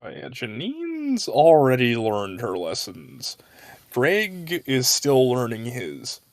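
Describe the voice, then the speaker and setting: A man co-hosting a casual podcast chat, lively and fond of rhetorical questions. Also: mid-range voice, takes it slowly, no room sound. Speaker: podcast co-host.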